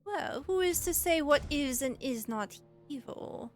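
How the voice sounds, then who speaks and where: A woman voicing a small, smug imp servant in a tabletop game, speaking in a tiny, measured, taunting voice. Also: high voice, expressive, faint music behind, pitched above the performer's own voice. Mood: smug, cryptic.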